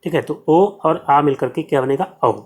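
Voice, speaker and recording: A man with a Hindi accent and a fairly high voice teaches an exam-prep grammar lesson at normal speed. He explains step by step, poses questions and answers them himself, and repeats "ठीक है" often.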